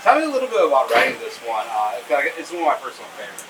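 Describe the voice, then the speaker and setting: Noticeable noise surrounds this man, who sounds some way from the microphone. He interviews casually and quickly, talking to his guest like a buddy. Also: medium pitch, huge pitch swings. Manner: informal, buddy-like, says man and dude. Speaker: interviewer, show host. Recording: noisy, distant stream audio.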